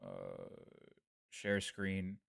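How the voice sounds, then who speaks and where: A man's voice: low voice, big pitch swings, very slow, creaky, no room sound, studio quality. A man hosting a casual late-night news livestream, talking in a self-deprecating way and trailing off. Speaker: livestream host covering news.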